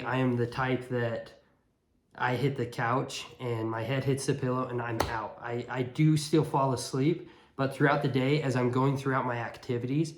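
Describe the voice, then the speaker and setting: A man giving a casual, earnest motivational monologue, speaking bluntly and repeating words for emphasis. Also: mid-range voice. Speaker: motivational vlogger. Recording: echoey room.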